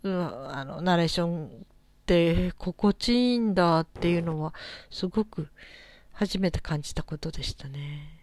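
A middle-aged woman hosting a casual solo talk show, musing gently and thinking aloud with many soft fillers. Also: fairly low pitch, expressive, normal speed. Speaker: solo podcast host.

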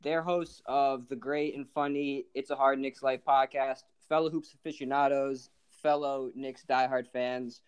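A man's voice: medium pitch, fairly even intonation, measured pace, hardly any pauses, smooth. A young man in his twenties hosting a casual podcast and greeting his guests in a friendly, upbeat way. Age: 20s. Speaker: podcast host.

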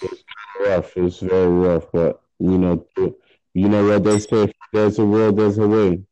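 A man's voice: low voice, flat delivery, a little slow, dark tone, no echo, highs cut off. A man hosting a casual chat with strangers, laid-back and teasing. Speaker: host chatting with strangers.

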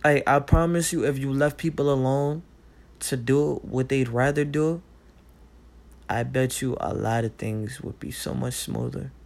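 Man, casual rant, profane, rambling, heated, mid pitch. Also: steady tone, a little slow, vocal fry, a little mellow.

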